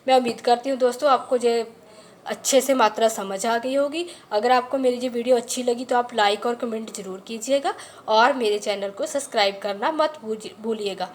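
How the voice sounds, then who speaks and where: A woman teaching a grammar lesson, patiently explaining and slowly repeating the key points. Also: on the high side, slight background noise.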